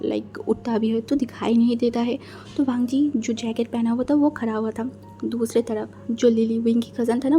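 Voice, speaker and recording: Mellow-voiced woman narrating fan fiction. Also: on the high side. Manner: chatty, mixes English words. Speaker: storyteller.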